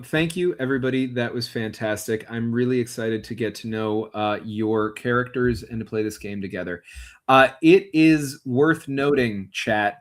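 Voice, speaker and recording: A man hosting a livestreamed tabletop game as game master, upbeat and explanatory, addressing the chat directly. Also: mid-range voice. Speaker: game master and stream host.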